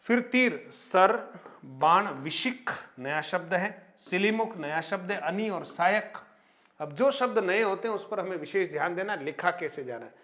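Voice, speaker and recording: High-voiced man rattling off word lists. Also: animated, unhurried, fairly bright tone. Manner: rattles off word lists, stressing new words with reminders; addresses viewers as friends, frequent tag questions. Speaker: Hindi grammar teacher. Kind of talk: exam-prep lesson reading out word lists.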